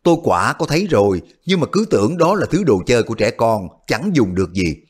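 A man's voice: medium pitch, big pitch swings, a little fast, slightly rough. A man voicing a bold, shrewd male warrior hero who talks in a wry way, feigning forgetfulness.

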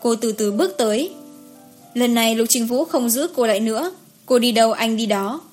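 A woman reading an audiobook story in a steady narrating voice. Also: a little high, normal speed, faint music behind. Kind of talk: scripted narration.

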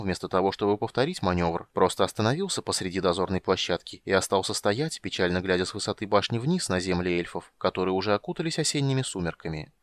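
Low-voiced male audiobook narrator. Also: no echo. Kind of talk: scripted fantasy narration.

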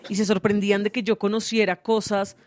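A woman's voice: medium pitch, level tone, a little fast, darkish tone, slight background noise. A woman hosting a conversational radio interview, explaining her thoughts at length with many hesitations. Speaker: host.

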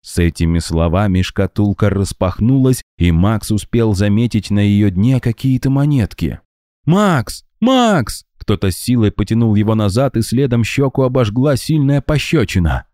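A man narrating an audiobook in an expressive storytelling style. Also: on the low side, moderate pace, hardly any pauses, dry recording, studio quality. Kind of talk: scripted narration.

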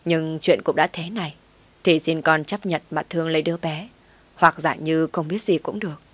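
A woman voicing a pleading elderly mother-in-law in a low, soft-spoken read. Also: fairly even intonation, moderate pace, no room sound.

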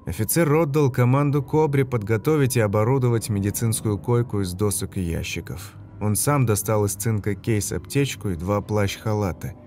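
A man reading a story aloud in an even, measured narration. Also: lowish voice, a little hiss or hum. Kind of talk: audiobook narration.

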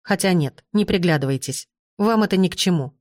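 Woman narrator doing a cold male investigator, formal, self-assured, low-pitched, dry close sound. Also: brisk, a little mellow, dry recording, natural voice. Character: stern confident male imperial investigator, cold.

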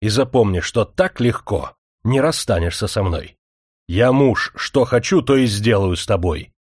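A man voicing a domineering, threatening prince in a spoken story, shouting in anger. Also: on the low side, animated, unhurried, no room sound, studio quality. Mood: furious. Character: domineering wealthy husband, a prince.

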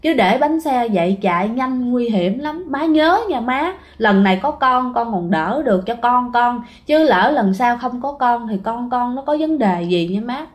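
Woman reads ghost of a caring father; urgent, pleading, rather high. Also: animated, unhurried, hardly any pauses. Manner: pleading, urgent warnings to his mother. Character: ghost of a dead father, gentle and protective.

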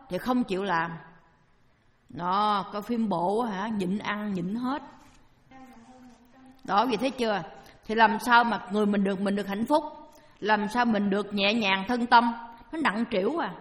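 A woman's voice: mid-range voice, measured pace, pauses often. A woman giving a Buddhist dharma talk, asking her listeners questions and answering them herself with homely everyday examples. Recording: long hall reverb.

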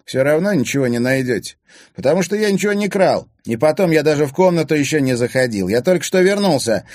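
A man's voice: fairly high pitch, lively intonation, quick pace, dark tone, dry recording, studio quality, pitched above the performer's own voice. A man reading an audiobook, voicing an agitated teenage boy protesting that he is innocent. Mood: indignant. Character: indignant teenage boy wrongly accused.

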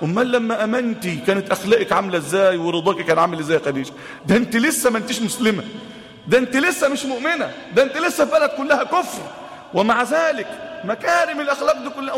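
A man with an Egyptian Arabic accent preaching a sermon, telling a story with lively rhetorical questions to the audience. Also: extremely high pitch, rapid-fire. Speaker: imam and preacher. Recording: echoey hall with long reverb.

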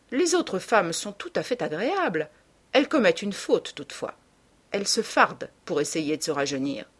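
A woman reading an audiobook and voicing a witty, cynical aristocratic gentleman who speaks in dry aphorisms. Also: mid-range voice, husky. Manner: languid, dryly witty, aphoristic.

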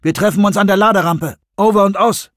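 A man's voice: high-pitched, a little fast, no echo, clean studio sound, voice pushed up, natural voice. A man reading an audiobook, voicing a curt male leader who gives orders. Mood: urgent commands. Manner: curt, commanding. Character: Jones, a male leader, cold and commanding.

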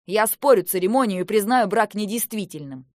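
A woman voicing a young male king who talks loudly and rawly, full of guilt and temper, recorded dry. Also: mid-range voice, expressive, brisk, no room sound, lightly acted. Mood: stern. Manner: loud, raw, self-reproaching.

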